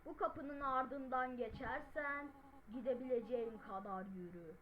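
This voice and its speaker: A woman reading the lines of a gentle, motherly goat monster woman in a game, in a plain reading voice. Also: high voice, measured pace, muffled recording. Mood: calm. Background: game music.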